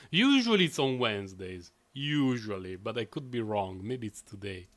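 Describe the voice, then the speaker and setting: Male streamer, mid-pitched, loose rambling chat with frequent chuckles. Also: sing-song, a little slow, a bit bright. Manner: rambling, self-amused, chuckles often. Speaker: game streamer. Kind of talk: casual live-stream chat.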